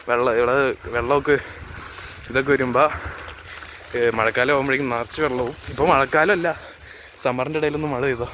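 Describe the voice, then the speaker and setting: A man with a Kerala accent chats casually to a cycling vlog audience, mixing English words into his Malayalam. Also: mid-range voice. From Kerala, India. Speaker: vlogger. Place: outdoors on roads while cycling. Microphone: handheld phone camera while riding. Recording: noisy outdoor recording with vehicle sounds.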